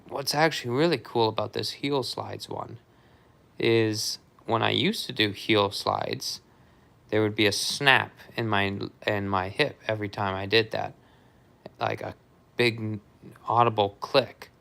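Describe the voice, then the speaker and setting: A man casually talking through an exercise demonstration and counting out repetitions in a low-key, often murmured way. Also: steady tone, measured pace, vocal fry, a bit bright. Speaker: vlogger recovering from surgery, demonstrating exercises.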